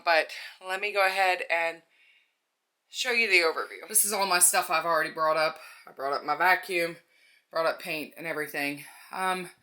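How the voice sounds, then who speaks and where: A woman's voice: mid-range voice, bright, forceful tone. A middle-aged woman casually talking through her home DIY plans, rambling with ums and restarts, recorded in her own house. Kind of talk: casual chatty vlog. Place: her home, kitchen and bedroom.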